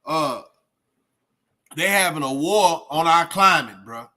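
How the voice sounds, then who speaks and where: Ranting casually to viewers on his reaction livestream, a man from Texas talks in streetwise slang and keeps dropping "man" and "bro." His high, bright voice has lively intonation and a slow pace.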